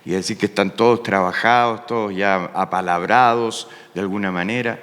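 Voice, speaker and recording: A man's voice: fairly low pitch, steady tone, normal speed, fairly bright tone. A Chilean poet speaking on a panel in a musing way, often adding "¿no?" to check in with his listeners. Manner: reflective, musing, with frequent rhetorical "¿no?". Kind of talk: panel talk. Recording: long hall reverb.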